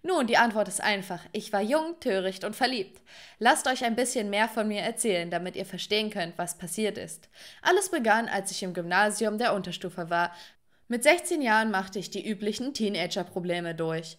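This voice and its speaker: A woman's voice: medium pitch, lively intonation, normal speed. A young woman narrating a scripted first-person story and talking straight to viewers.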